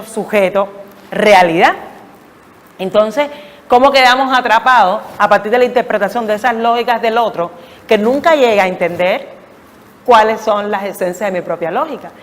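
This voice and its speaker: A woman giving a reflective academic talk, explaining deliberately and emphatically with searching pauses. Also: fairly high pitch. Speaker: academic lecturer. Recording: long echoing hall reverb.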